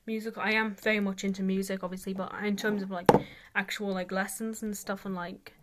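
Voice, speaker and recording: A woman's voice: mid-range voice, little pitch movement, a little fast, heavy background noise. A woman giving a casual, rambling tutorial as an amateur vocalist, hesitant and self-deprecating, saying "like" very often.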